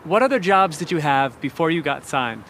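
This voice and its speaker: A man asking quick, upbeat rapid-fire questions as an interviewer. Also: fairly high pitch, very animated, a bit bright, a little hiss or hum.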